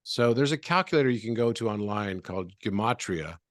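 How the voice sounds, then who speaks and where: A man who is a guest in an interview, calmly explaining things and walking through examples step by step. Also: fairly low pitch, fairly quick, no room sound, clean studio sound.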